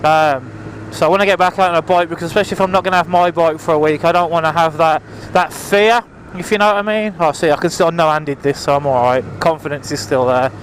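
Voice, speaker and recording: A man vlogs from his motorbike outdoors, talking casually, rambling and apologetic, his voice raised above the engine. Pitched on the high side with fairly even intonation, he speaks at a quick pace with hardly any pauses. His helmet mic, visor open, carries engine, wind, and traffic sounds.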